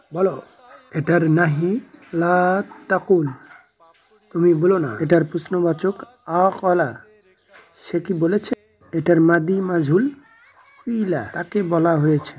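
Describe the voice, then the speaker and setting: A man lectures on grammar in a low-toned, husky voice. He moves through the word forms one by one, stating each in a short phrase and then glossing it, like a patient teacher at a whiteboard. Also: a little mellow. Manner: measured, explains each form and then glosses its meaning.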